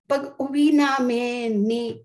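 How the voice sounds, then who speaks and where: Animated woman telling a ghost story. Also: fairly high pitch, takes it slowly. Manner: animated, acts out quoted dialogue with voices. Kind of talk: casual storytelling.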